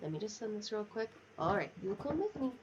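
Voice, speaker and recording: A woman livestreams a video game, chatting casually in a rambling, affectionate way into a sensitive headset mic. Her medium-pitched voice moves fast with big swings in pitch, and the background is noisy. The headset audio sounds dull and lo-fi.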